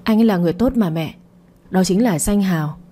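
A woman's voice: medium pitch, fairly quick, dark tone, a little hiss or hum, natural voice. A woman voicing a frightened, tearful young woman pleading with her mother. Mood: earnest. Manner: pleading, apologetic.

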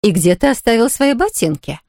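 Woman reading as a firm calm mom, even tone, dry storybook voice. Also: a little high, brisk, dry recording, voice pushed up. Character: calm, stern mother.

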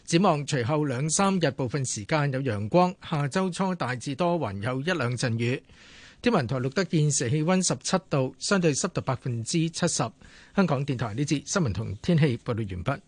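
A man reading a weather forecast in an even, formal bulletin style. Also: medium pitch, normal speed, no echo. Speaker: news and weather reader.

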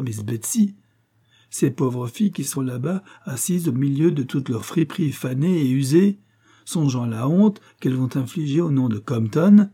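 A man's voice: medium pitch, mellow, slightly rough. A man reading aloud, voicing a wheedling, insistent middle-aged matron who begs for money. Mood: indignant. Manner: pleading, insistent, dramatic.

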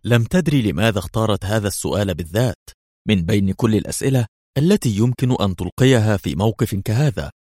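Brief: low, dry-voiced man reading a thriller with steady drama. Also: fast, no room sound. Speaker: audiobook narrator. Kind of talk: dramatic story narration.

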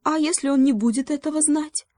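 A woman voicing a timid little male mouse in a storybook, squeaking plaintively. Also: fairly quick, dark tone, no echo, clean studio sound, close to an everyday voice.

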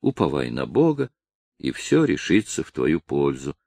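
A man's voice: a bass voice, gravelly, no echo, voice pushed down, full character voice. A man reading an audiobook voices an old village elder and father who speaks steadily and firmly. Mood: calm, firm. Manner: steady, firm and measured.

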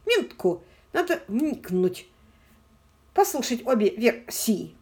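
A woman's voice: medium pitch, very animated, unhurried, a little mellow, slightly rough. A woman voicing a tough young female detective who barks short, slangy orders. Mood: bossy. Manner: brusque, barking, slangy.

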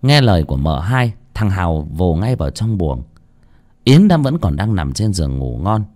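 A man narrating a horror story in a dramatic, expressive way. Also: deep voice, moderate pace.

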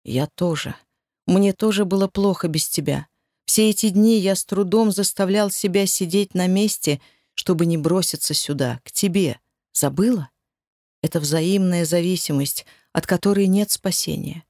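A woman reader voicing a passionate young man in an audiobook, speaking low and hushed. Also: normal speed, dry recording, clean studio sound. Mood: pleading.

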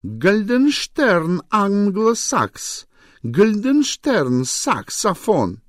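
Combative young wife, done by a man, mocking, provocative, swooping pitch, dry close audiobook sound. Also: big pitch swings, darkish tone, no room sound. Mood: provoking. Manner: mocking, provocative, quick to snap. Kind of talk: audiobook character voice.

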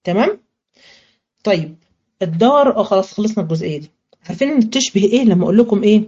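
A woman teacher with an Egyptian accent giving a religious studies lesson in colloquial Arabic, asking questions and answering them herself, and slowing to a chant when she recites verses. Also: medium pitch, animated, warm tone, slightly rough, highs cut off.

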